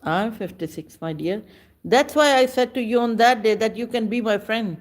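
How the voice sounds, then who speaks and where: A woman, chatting casually with viewers on a livestream in slow, halting speech with many pauses. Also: a little high. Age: 50s. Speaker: livestream host. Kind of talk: casual live chat with viewers.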